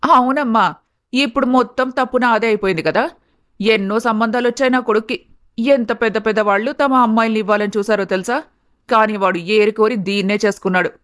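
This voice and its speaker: A bitter, scornful mother-in-law, put on by a woman narrator who taunts and scolds in a sharp, sarcastic manner. The voice sits a little lower and pushes harder than the narrator's own. It is recorded close and bone-dry, with no room sound at all. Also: a little fast, dry recording, close to an everyday voice. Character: harsh scornful middle-aged mother-in-law. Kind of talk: storybook character voice.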